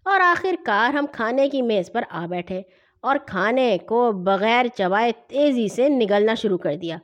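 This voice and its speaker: A woman narrating a children's story with a lively, expressive reading. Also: fairly high pitch. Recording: dull lo-fi recording.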